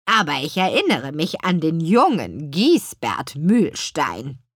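Woman putting on a croaking old grandmother witch. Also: sing-song, no echo, studio quality, heavily acted. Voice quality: raspy, croaking. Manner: drawn-out, high cracked old-lady delivery. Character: old raspy grandmother witch, kindly, forgetful. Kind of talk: audiobook character voice.

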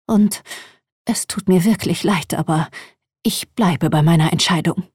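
A woman reading aloud, voicing an older female shop owner who speaks slowly and partly in a whisper. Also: lowish voice, breathy edge, no room sound, studio quality. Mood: guarded. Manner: slow and hushed, partly whispered. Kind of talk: storybook reading.

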